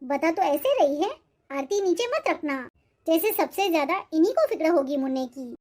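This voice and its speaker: A woman's voice: extremely high pitch, animated, normal speed, a little mellow. A woman voicing an emotional young mother in a Hindi cartoon, pleading and talking with feeling. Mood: grumbling.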